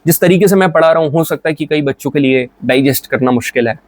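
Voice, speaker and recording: A man's voice: a little high, fast, dry recording. A young Indian man teaching vocabulary in a casual, joking, brotherly way. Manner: chatty, joking, brotherly, with English example sentences. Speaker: English teacher. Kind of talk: casual Hindi vocabulary lesson.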